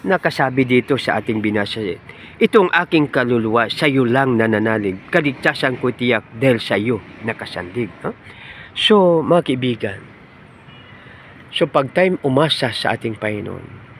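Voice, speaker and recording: A man's voice: mid-range voice, animated, moderate pace, a bit bright, a little hiss or hum. A man preaching a devotional sermon outdoors among trees, in a conversational way that often asks his friends "no?" and mixes in English phrases. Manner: conversational, often asking "no?" and calling listeners "friends".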